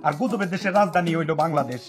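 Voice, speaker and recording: An actor playing a scheming husband who takes a second wife, talking in a lively dialect-heavy way. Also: male voice, on the high side, music in the background, natural voice. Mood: scolding. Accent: Bangladeshi Bangla dialect. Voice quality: animated, lively, fast talker. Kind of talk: comic TV drama.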